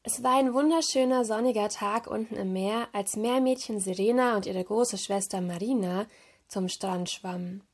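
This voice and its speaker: A woman hosting a library's children's afternoon, reading a children's story aloud in a calm, clear way. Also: medium pitch, moderate pace.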